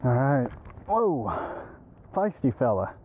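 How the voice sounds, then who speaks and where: Muffled, narrow-band sound from a body-worn action camera, plus outdoor noise, captures a young American angler from East Texas vlogging at a swampy pond. He talks slowly in a mid-range voice, upbeat, informal and full of slang.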